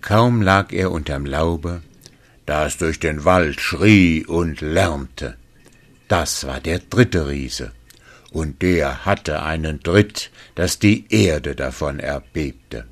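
A man reading a fairy tale aloud in a deliberate, expressive storytelling manner. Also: rumbling low.

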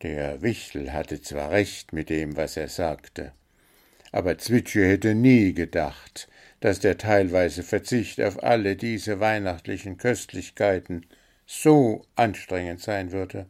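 A man reading a storybook aloud in a calm, measured way. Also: low-pitched.

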